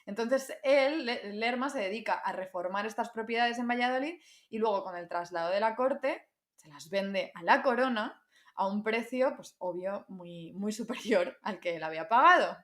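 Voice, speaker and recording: A young woman from Madrid with a Spanish accent, co-hosting a casual history podcast. She chats in an animated way and adds asides while reading old texts aloud. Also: mid-range voice, moderate pace. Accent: Spanish from Spain. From Madrid, Spain. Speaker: podcast co-host.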